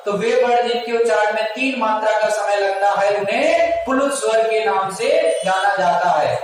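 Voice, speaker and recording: A man's voice: high-pitched, moderate pace. A male teacher giving a classroom lesson, stretching and singing out vowel sounds and asking and answering his own questions. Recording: echoey room, far from mic.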